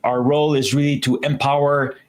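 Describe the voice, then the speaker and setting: A man's voice: mid-range voice, little pitch movement, fairly quick. A man hosting a casual community livestream, chatty and enthusiastic, with frequent restarts and fillers. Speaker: show host.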